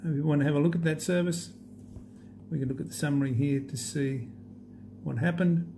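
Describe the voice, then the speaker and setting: Gravelly man demoing an app. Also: fairly high pitch, slight background noise. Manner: relaxed, halting, many fillers. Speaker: app demonstrator. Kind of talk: unscripted screen demo walkthrough.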